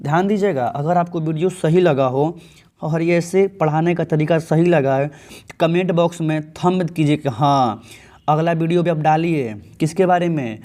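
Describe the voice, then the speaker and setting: A man teaching an exam-prep grammar lesson in Hindi with a Bhojpuri tinge, chatty and firing questions at his students, reading English sentences slowly. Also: on the high side, mellow.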